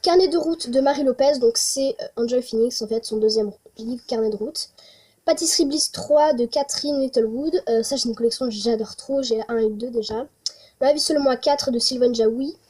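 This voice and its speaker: A young woman talks casually to her viewers about a holiday wishlist. Her voice sits a little high but sounds soft and mellow. She hesitates often as she goes. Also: normal speed, breathy edge. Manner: chatty, many hesitations. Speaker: vlogger.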